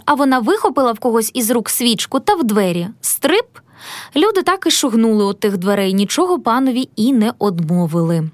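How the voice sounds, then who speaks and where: A woman reads a classic tale aloud with expressive, lilting storytelling. Her voice is high and her intonation swoops widely. The sound is dry and close. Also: no echo. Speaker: audiobook narrator.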